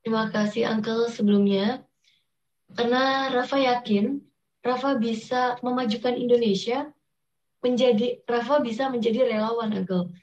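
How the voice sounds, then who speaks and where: A woman's voice: fairly high pitch, steady tone, moderate pace, darkish tone. A young adult woman, a beauty pageant contestant, answering politely and formally over a choppy online call line. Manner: polite, formal, addresses the host respectfully. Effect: heard over an online call line with a choppy signal. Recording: dull lo-fi call audio.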